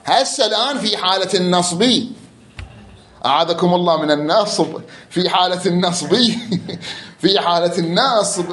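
A man's voice: sits high, fairly bright tone, a little hiss or hum. Iraqi man teaching grammar, echoey room. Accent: Iraqi Arabic. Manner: explains with repeated examples, chants quoted verse slowly. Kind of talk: grammar lesson.

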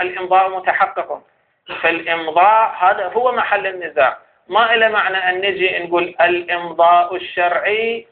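A man with an Iraqi Arabic accent giving a seminary lecture, arguing point by point and posing questions to the scholar he rebuts. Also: high voice. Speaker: teacher of Islamic jurisprudence. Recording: tinny phone-like sound.

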